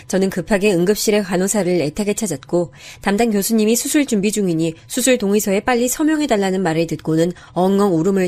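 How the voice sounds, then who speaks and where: In a soft, steady storytelling voice of medium pitch, a woman narrates a dramatic family story in the first person.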